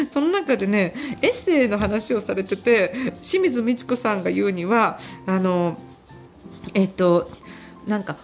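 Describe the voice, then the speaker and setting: A middle-aged woman hosting a radio show, giving casual business advice and chatting about her week, laughing often as she tells stories, with a hint of speech. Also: medium pitch. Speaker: radio host and business consultant. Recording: slightly dull radio broadcast.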